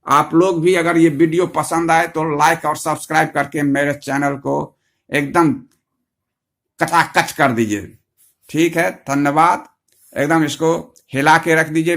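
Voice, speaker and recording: A male teacher explaining a math lesson step by step, with many repeated fillers and slowly drawn-out numbers. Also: a little high, gravelly, a bit bright. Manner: repetitive, filler-heavy, slow drawn-out numbers.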